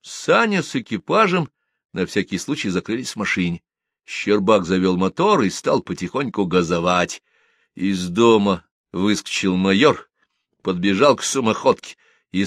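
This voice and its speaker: Low-voiced man narrating expressively. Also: fairly bright tone, no echo, clean studio sound. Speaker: audiobook narrator.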